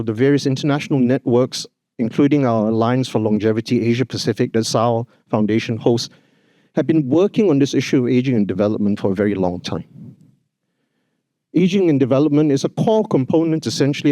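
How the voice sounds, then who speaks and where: Speaking in a hotel conference hall, this man from Singapore gives a formal opening address with earnest emphasis, frequently using "you know" and "actually." His pitch is medium, his tone mellow, and there is no echo.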